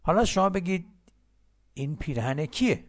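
Male English teacher, heavy vocal fry, patient, repeats phrases slowly. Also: high-pitched, big pitch swings. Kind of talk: recorded language lesson.

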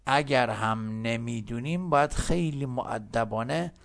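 A man with a Persian accent teaching English in a recorded lesson, slowly repeating words for learners. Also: medium pitch. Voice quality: gravelly.

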